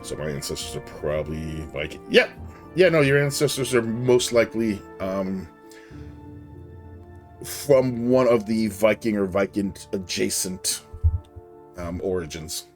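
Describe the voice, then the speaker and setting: A man's voice: lowish voice, animated, a little slow, soft background music. A man streaming a game live, chatting casually and rambling off on tangents as he answers his chat.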